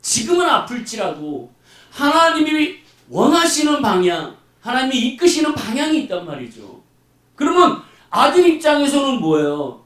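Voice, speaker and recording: Male pastor preaching, high lively voice, acts out scenes, echoey church hall, mic far off. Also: moderate pace. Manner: animated, colloquial preaching with acted-out voices. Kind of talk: sermon.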